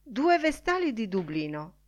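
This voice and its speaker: A woman's voice: on the high side, big pitch swings, unhurried, no echo, pitched above the performer's own voice. A woman reader voicing a young, earnest man who speaks in a courteous, slightly formal, wry way.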